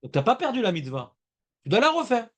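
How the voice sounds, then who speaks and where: A man's voice: extremely high pitch, huge pitch swings, a little fast. A man teaching a Talmud class, talking emphatically and repeating his points as he explains. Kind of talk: lively Talmud class discussion.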